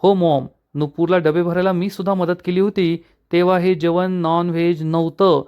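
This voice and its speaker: A man voicing a frightened young daughter who speaks anxiously. The voice is lifted a little higher. The lines are quick and worried. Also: fairly even intonation, clear, resonant tone, muffled recording, natural voice. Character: scared young woman, a daughter.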